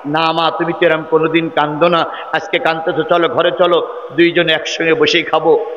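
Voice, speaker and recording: A preacher shouting as a brash young tough. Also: male voice, fairly high pitch, flat delivery, brisk, big-room sound, dull audio, a little hiss or hum, natural voice. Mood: gentle. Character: brash young male tough, proud and bold.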